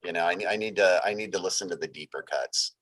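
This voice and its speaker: Brief: male podcast co-host, slightly low voice, enthusiastic interjector. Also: fast talker, fairly bright tone, dry recording. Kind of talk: casual chat.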